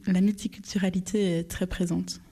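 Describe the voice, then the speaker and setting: A young woman from Brussels, a primary school teacher, speaking as a radio guest in a measured way with some fillers. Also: lowish voice, little pitch movement, dark tone, breathy edge. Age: young adult. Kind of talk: radio panel discussion.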